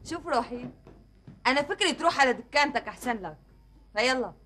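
An actress playing a sharp-tongued, defiant Damascene woman with a Damascene accent, who talks in a sarcastic, loud way. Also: high-pitched, animated, fast talker. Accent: Damascene Arabic.

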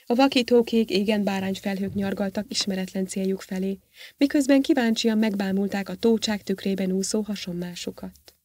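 Woman reading an audiobook, steady measured narration, dry close mic. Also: medium pitch, dry recording. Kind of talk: scripted narration.

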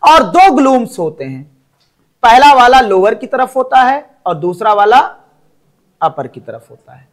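A man's voice: very high voice, sing-song, measured pace. A man teaching a biology class, lecturing in a coaxing way and asking students questions over and over.

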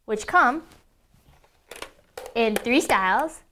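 A woman's voice: a little high, animated, very slow, pushed and bright, slight background noise. A woman giving an upbeat, step-by-step scripted demonstration of a toy product.

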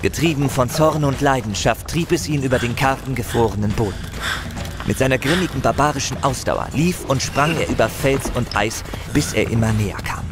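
Speaking briskly in a natural mid-range voice, a man narrates a fantasy audio drama as a grave, intense storyteller. Music and sound effects play behind his dramatic delivery.

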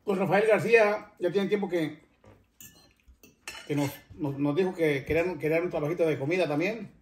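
A man's voice: fairly high pitch, normal speed, slight background noise. An older man, hosting a cooking channel and chatting casually to viewers in a rambling way that often stops and restarts. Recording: roomy, echoey room.

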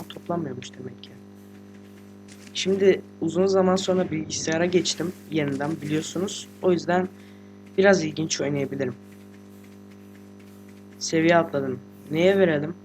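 In a room at home with a computer, a teenage boy gives casual let's-play commentary as a gaming host. His voice is a little high, and he talks quietly because he's sick. He's chatty and slangy, joking around and swearing.

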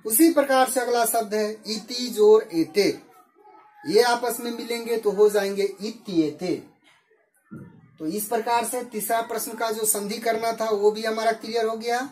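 A woman's voice: fairly high pitch, measured pace, a little mellow, faint music behind. A woman teaching a Sanskrit lesson, methodically working through each answer and repeating it in Hindi. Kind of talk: slow explanatory lesson.

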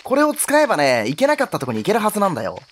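Jumpy, wildly animated male game commentator. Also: sits high, racing, a little hiss or hum. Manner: jokey, yelps and exclaims at scares. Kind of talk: horror game let's play commentary.

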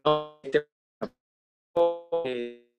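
Slow-talking man hosting, music behind him. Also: medium pitch, fairly even intonation, muffled recording. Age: middle-aged. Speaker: moderator introducing speakers. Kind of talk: informal online forum hosting. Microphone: earbud headset on a video call.

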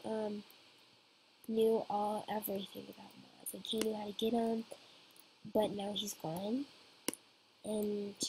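Let's play host, woman; unhurried, halting delivery full of fillers, faint hiss behind her. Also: mid-range voice, creaky, warm tone, poor audio. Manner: hesitant, rambling, many fillers. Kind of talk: casual gameplay commentary.

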